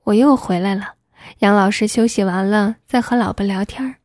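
A woman reading an adult story aloud in soft, steady narration. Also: medium pitch, normal speed, no echo, studio quality.

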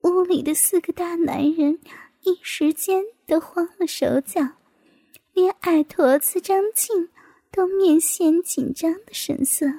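Storybook narrator, woman, very high voice, hushed half-whisper, slow. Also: steady tone, no echo.

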